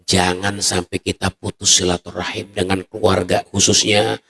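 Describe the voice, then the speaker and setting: A man's voice: deep voice, little pitch movement, normal speed, gravelly, a bit bright. A male preacher telling a story in a colloquial sermon to the men of a mosque. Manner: colloquial, addressing the congregation. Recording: echoey mosque hall.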